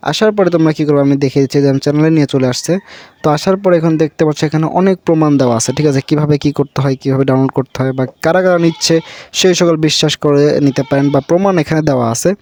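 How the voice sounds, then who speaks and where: Very fast and a bit mellow, a slightly high male voice belongs to a Bangladeshi tutorial host demonstrating an app off the cuff. He keeps repeating himself, calls viewers brother, and regularly checks in on them.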